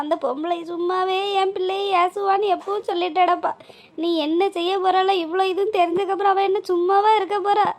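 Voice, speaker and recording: A woman voicing a grieving, worried village mother in a cartoon, lamenting in a high sing-song. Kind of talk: cartoon voice acting.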